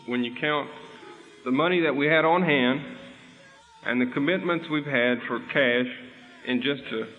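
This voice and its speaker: A man announcing offering totals to a church, reading the figures out slowly. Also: medium pitch, phone-quality sound, faint music behind.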